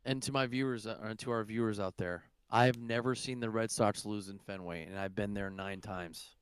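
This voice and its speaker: A young man rambles through a casual podcast story, swearing freely and stacking up fillers. His voice is smooth and clear over a dry, close sound. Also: lowish voice, steady tone, moderate pace, dry recording. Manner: rambling, profane, lots of fillers. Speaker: podcast co-host. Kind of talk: casual chat.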